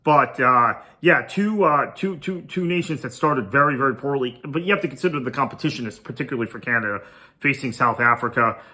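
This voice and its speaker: His mid-range voice comes across pushed and bright, and the pace is fairly quick. He's a podcast host, a native Tamil speaker, working through a cricket match preview by himself in a relaxed, thinking-aloud style.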